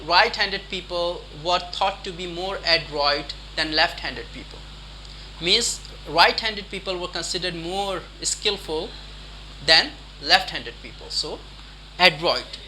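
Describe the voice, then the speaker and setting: A man teaching English vocabulary in a lesson, repeating each word slowly and quizzing the listener. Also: sits high, sharp tone, a little hiss or hum. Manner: slow, repeats words deliberately, quizzes the listener.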